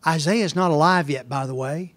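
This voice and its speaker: A man preaching a sermon, building to emphatic, rhetorical high points and then dropping his voice low. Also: fairly quick, no room sound. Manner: emphatic, swings loud and soft, rhetorical questions. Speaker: pastor.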